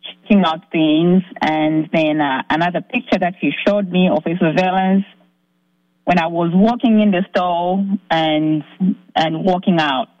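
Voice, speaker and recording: Caller from Zambia, a woman telling her ordeal in earnest halting bursts, dull dry line. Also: on the low side, steady tone, a little mellow, no echo. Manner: earnest, halting, many restarts. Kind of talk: recounting a personal ordeal on a call-in show.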